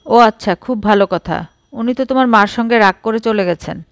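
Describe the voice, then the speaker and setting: A woman's voice: fairly high pitch, fairly quick, no echo, clean studio sound, natural voice. A woman voicing a curious young schoolteacher who pries with light amusement, in a storybook reading. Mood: prying.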